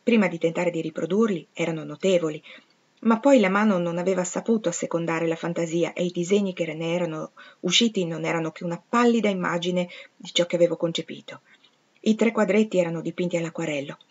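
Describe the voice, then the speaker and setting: A woman reads a classic novel aloud in the first person, steady and measured. Her voice sits a little low. The recording sounds slightly dull and lo-fi. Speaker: audiobook reader. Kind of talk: literary reading in first person.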